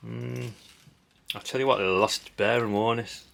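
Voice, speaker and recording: Here the man's voice is mid-range, gravelly and fairly bright, with fairly even intonation and a measured pace. He's a middle-aged hobbyist video host rambling bluntly and chattily as he sorts old parts, using mild swearing and tag questions, all unscripted.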